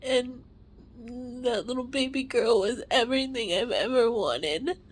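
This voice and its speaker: A woman crying with a snotty, tearful voice as she makes an emotional personal confession in halting, broken phrases. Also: on the high side, slight background noise. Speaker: mother sharing a personal testimony.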